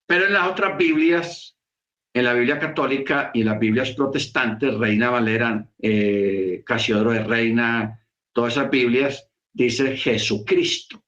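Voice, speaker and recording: A man teaching a congregation in a sermon, explaining slowly and repeating key words for emphasis. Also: medium pitch, fairly bright tone, reverberant, lo-fi sound. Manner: slow, repetitive, emphatic explaining.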